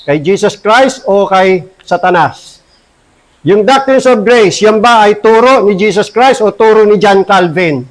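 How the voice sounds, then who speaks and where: A man with a Filipino accent, a pastor preaching an earnest, emphatic sermon in church and slowing down to read scripture. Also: high voice, poor audio. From Philippines. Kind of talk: Taglish sermon with Bible reading.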